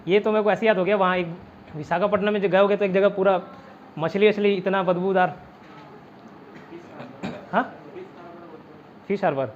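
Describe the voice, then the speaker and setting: A man's voice: high voice, fairly even intonation, normal speed, pauses often, dull audio, a little hiss or hum. A man with a Chhattisgarh Hindi accent teaching an exam-prep geography lesson in a chatty way, often checking in with his students and using mnemonics. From India. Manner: chatty, repeats "theek hai", quizzes students with mnemonics.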